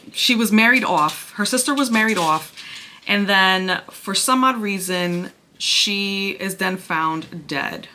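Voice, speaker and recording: A woman chatting casually through a book review to camera, sounding breathy and out of breath. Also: mid-range voice, pushed and bright. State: out of breath from pregnancy.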